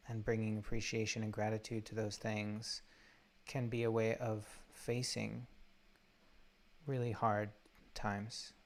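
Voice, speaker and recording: A man leading a guided meditation from a laptop or phone while traveling, talking haltingly with many fillers and restarts. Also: on the low side, darkish tone. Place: undisclosed spot while traveling. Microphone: laptop or phone mic.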